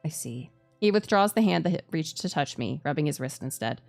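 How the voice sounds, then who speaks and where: A woman's voice: low-pitched, animated, fairly quick, vocal fry, darkish tone. A woman streamer narrating game text dramatically, sometimes stumbling over hard words and repeating them. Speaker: streamer reading a visual novel aloud. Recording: music behind the voice.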